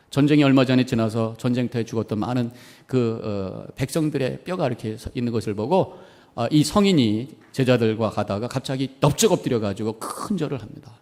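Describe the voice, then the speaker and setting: A man's voice: medium pitch, a little mellow, long reverb tail. A man preaching a sermon as pastor, telling stories and acting out the voices in them, and building to emphatic peaks. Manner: storytelling, acts out quoted voices, rising to emphatic peaks. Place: church sanctuary.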